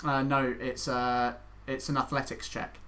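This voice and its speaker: A man acting as game master, narrating and ruling on a tabletop game in a casual, halting way as he searches for words. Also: mid-range voice, little pitch movement, bright, forceful tone.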